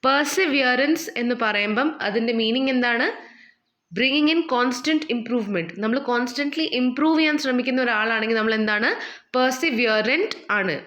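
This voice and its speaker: A woman's voice: on the high side, sharp tone. A woman teaching an English vocabulary lesson with a Malayali accent, explaining in Malayalam and English and asking and answering her own questions. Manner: slow, careful reading of English passages. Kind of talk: recorded online English lesson.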